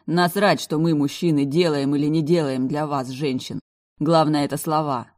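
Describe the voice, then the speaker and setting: A domineering, sneering man in an audiobook, read by a woman who talks down to everyone with cold arrogance. The voice sits low and dark, with a mellow, unhurried weight behind the mockery. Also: fairly even intonation, natural voice. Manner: haughty, sneering, rude. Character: arrogant mocking adult man, domineering bodyguard type. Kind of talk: audiobook character voice.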